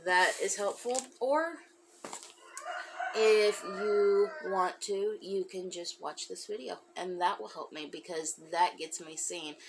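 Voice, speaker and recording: A woman's voice: medium pitch, slow, creaky, background noise. A woman hosting a crafting podcast, chatting casually with lots of fillers, and sounding a bit congested. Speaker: podcast host. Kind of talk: casual chat.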